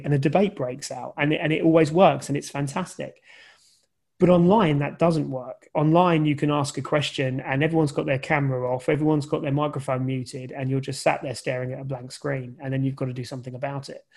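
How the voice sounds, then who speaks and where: A man's voice: medium pitch, gravelly, darkish tone. A man who teaches journalism, answering interview questions thoughtfully over a video call and often restarting his sentences. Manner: thoughtful, many restarts and fillers. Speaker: journalism lecturer.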